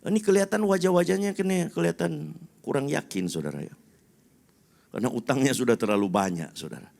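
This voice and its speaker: A man preaching a sermon to his congregation, talking to them directly. He moves from low, quiet asides to loud, high exclamations. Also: expressive, quick pace, creaky. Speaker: pastor.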